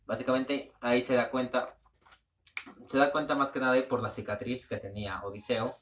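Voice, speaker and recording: A man's voice: mid-range voice, fairly even intonation, moderate pace, fairly bright tone, slight background noise. Man loosely retelling a story. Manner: loose, rambling retelling with frequent restarts. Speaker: book reviewer. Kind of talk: casual spoken plot summary.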